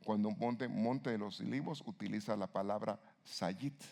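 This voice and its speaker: A male pastor preaching a sermon, with sudden loud rises and rhetorical questions to the congregation. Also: on the low side, a little slow, vocal fry.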